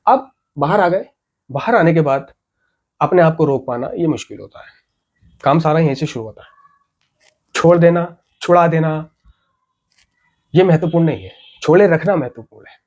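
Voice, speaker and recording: A man's voice: on the high side, lively intonation, normal speed, pauses often, a little mellow, muffled recording. A man giving an earnest, motivational talk about staying off drugs, repeating key points and asking rhetorical questions. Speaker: addiction recovery speaker.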